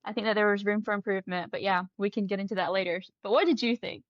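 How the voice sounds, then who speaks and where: A woman's voice: medium pitch, steady tone, quick pace, no room sound. Earnest woman guest, muffled dry line. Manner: earnest, easygoing, talks in "like" and "you know". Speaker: podcast guest. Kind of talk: casual podcast chat.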